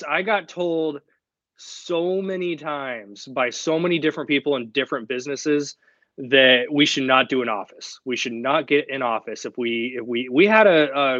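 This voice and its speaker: A man's voice: medium pitch, sharp tone, no room sound, dull audio. A young man hosting a live online Q&A, talking casually and directly. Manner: casual and direct, chatty with fillers. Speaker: host of a live Q&A stream.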